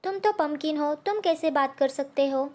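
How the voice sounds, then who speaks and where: A woman voicing a gentle, polite little female sparrow in a cartoon story. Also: high voice, normal speed, natural voice.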